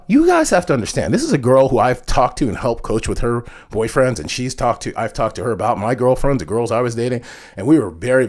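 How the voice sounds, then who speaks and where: A man of middling pitch tells candid personal stories straight to camera. He talks frankly, cusses freely and leans on "like" as a filler. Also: a little mellow. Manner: frank, profane, heavy use of "like". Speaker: vlog host. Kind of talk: candid storytelling monologue.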